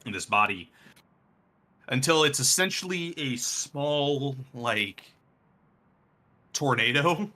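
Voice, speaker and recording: A man narrating a tabletop role-playing game as game master, unhurried and full of fillers. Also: mid-range voice, lively intonation, sharp tone.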